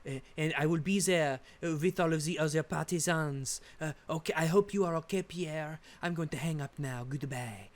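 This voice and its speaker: A man's voice: a little high, normal speed, few pauses, close to an everyday voice. A man voicing a fretful French resistance man with a mock French accent, rambling hesitantly on the phone. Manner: hesitant, full of "uh"s.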